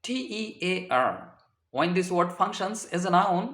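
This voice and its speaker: A man teaches English vocabulary at a very slow, careful pace, spelling each word out letter by letter. His voice sits high and moves a lot in pitch. The recording has a noticeable echo from the room. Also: little pitch movement, fairly bright tone. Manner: spells words letter by letter and translates each line. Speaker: English tutor. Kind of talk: slow deliberate vocabulary lesson.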